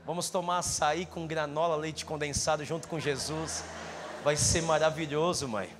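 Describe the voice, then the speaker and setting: A young Brazilian man with a Brazilian Portuguese accent preaching a jokey, animated sermon full of personal stories, sometimes rising to shouts. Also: a little high, normal speed, slight background noise. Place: church stage with live audience. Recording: long hall reverb, faint music.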